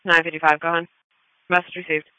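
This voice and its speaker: A male police-style dispatcher speaks in terse, procedural radio phrases. His voice is fairly high and crisp, delivered fast, through a tinny two-way radio channel. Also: little pitch movement, pushed and bright, no room sound.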